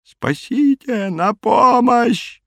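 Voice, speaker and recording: A man's voice: completely flat delivery, very slow, gravelly, mellow, no room sound, clean studio sound, exaggerated voice. A man voicing a panicked stranger sinking in mud, wailing old-fashioned pleas for help. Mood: desperate wailing. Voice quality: shrill, whining. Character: panicked stranger drowning in mud, pleading archaically.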